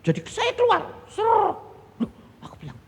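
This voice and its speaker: A man with a Javanese accent preaching a sermon and telling his own testimony, swinging from hushed asides to loud exclamations. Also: very high voice, huge pitch swings, moderate pace, vocal fry. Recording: long hall reverb, faint background noise.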